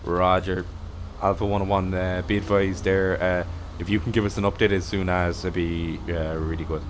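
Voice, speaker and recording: A man role-playing a police radio dispatcher, halting and repeating himself as he gives instructions. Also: low voice, flat delivery, noisy background. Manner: halting, repeats himself while searching for words.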